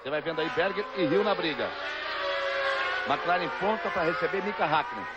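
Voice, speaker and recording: Here a motorsport commentator with a Brazilian accent narrates a live race, his voice on the high side, expressive and brisk. Loud racing cars and trackside sounds fill the background of the dull, lo-fi broadcast audio.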